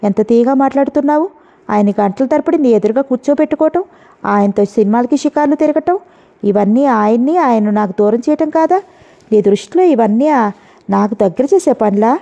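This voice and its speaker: Jealous young wife taunting sarcastic, woman reading it, fairly high mellow voice, dull lo-fi sound. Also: expressive, fairly quick, gravelly. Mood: accusing. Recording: dull lo-fi audio.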